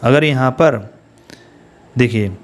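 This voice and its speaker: Speaking slowly in a mid-range voice, a man with an Indian accent teaches an English grammar lesson. He explains each step and poses questions to his students along the way.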